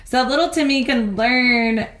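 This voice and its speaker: A woman co-hosting a podcast in casual chat, talking in an animated way and acting out little scenes. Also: on the high side. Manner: animated, acts out little scenes in quick voices. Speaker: podcast co-host. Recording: roomy echo.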